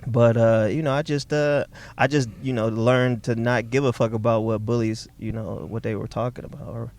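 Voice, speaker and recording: A man's voice: mid-range voice, flat delivery, moderate pace, a little mellow. A young man from Detroit, a stand-up comedian, telling loose, profane stories in a casual chat inside a car. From Detroit, Michigan.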